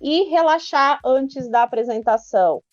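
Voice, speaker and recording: A woman's voice: high voice, a little slow, no room sound, highs cut off, faint music behind. A woman from Brazil on a podcast, giving practical advice in a chatty, explanatory way. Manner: explanatory, many filler tags. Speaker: guest speaker on public speaking.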